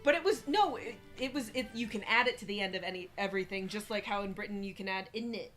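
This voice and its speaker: A woman's voice: medium pitch, fast, fairly bright tone. A young woman co-hosting a gaming stream, chatting casually, swearing freely and often restarting her sentences. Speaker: streamer co-host. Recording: faint game music behind.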